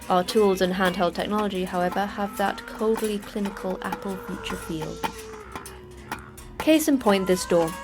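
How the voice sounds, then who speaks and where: A woman with a lowish voice plays the terse, dry manager of a secret monster prison in a sci-fi horror audio drama. Her delivery is clipped, matter-of-fact and lightly acted, with a dry, instructive mood.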